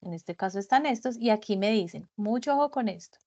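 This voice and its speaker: A woman's voice: medium pitch, lively intonation, a little fast, warm tone. A woman giving an online English grammar lesson, explaining step by step and often checking that her students follow. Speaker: English teacher. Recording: dull lo-fi web conference audio.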